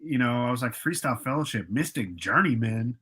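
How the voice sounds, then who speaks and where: On a casual podcast, a producer and artist in his late 40s rambles through his stories with a laid-back air. His husky, medium-pitched voice moves fairly quickly and keeps stopping to restart, packed with filler words.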